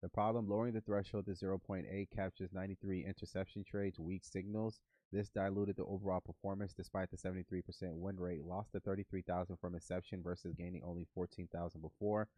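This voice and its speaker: A man livestreams himself coding trading bots, muttering to himself and the bots in a casual stream while sounding nasal as he recovers from the flu. His low, dark voice stays level and fast with hardly any pauses. There's no echo, but the recording is low quality.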